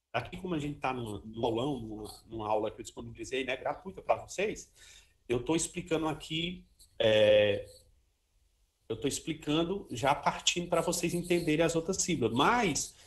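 A man's voice: mid-range voice, fairly bright tone. A man teaching a casual trombone lesson, talking freely and singing short syllables to show articulation. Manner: chatty, sings syllables, many "ó" and "né" tags. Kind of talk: informal music lesson.

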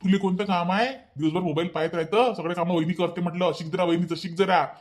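A man voicing a bossy, petulant young husband in a cartoon, with a Vidarbha Marathi accent, nagging and repeating himself in rapid bursts. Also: high-pitched, fairly even intonation, close to an everyday voice. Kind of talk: cartoon voice acting.

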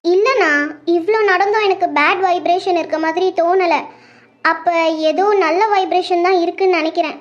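A woman's voice: very high voice, fairly even intonation, moderate pace, highs cut off. A woman voicing a timid teenage girl who anxiously confides in her older brother in a hesitant, pleading way, for a web horror drama. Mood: wistful.

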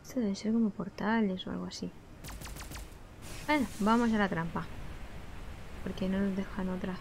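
Young female streamer, casual gameplay chat, medium-pitched, noisy room with game sound. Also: normal speed, gravelly.

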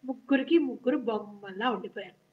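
Woman storyteller, children's story reading, steady and unhurried, fairly high voice, dull lo-fi sound. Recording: dull lo-fi recording.

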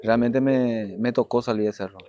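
A man speaks as a guest on a talk show, earnest and given to repeating himself. His voice sits at an average pitch and often sinks low and quiet. The sound is dry and somewhat muffled, with little room around it. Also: steady tone, moderate pace, no echo. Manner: earnest, repeats phrases, drops to a soft low voice. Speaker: guest, former footballer. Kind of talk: interview storytelling. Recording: dull dry studio sound.

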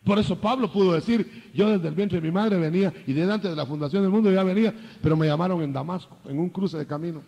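High, husky older man preaching in a reverberant hall. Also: fast, few pauses, dull audio. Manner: lively, acts out biblical dialogue with shifting voices. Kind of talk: sermon.

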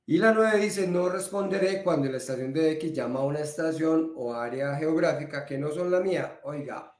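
A man's voice: on the high side, moderate pace, darkish tone. A man with a Colombian accent giving a training talk in a conversational way, repeating words for emphasis. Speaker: instructor. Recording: roomy echo.

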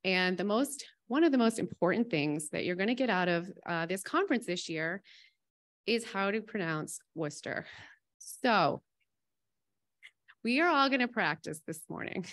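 A woman's voice: mid-range voice, expressive, moderate pace, a bit bright. Chatty woman hosting a conference welcome. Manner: chatty, laughs between lines, light jokes. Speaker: conference host giving welcome address. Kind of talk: welcome speech with housekeeping announcements. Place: conference room.

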